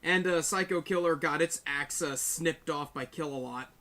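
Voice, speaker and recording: Man, podcast co-host, slightly high voice, jokey and blunt. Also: normal speed, sharp tone. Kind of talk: casual podcast chat.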